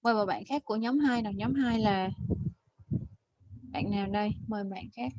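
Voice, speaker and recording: A woman teaching an online English class over a video call, correcting pronunciation and modelling words slowly. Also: medium pitch, darkish tone, no room sound, muffled recording.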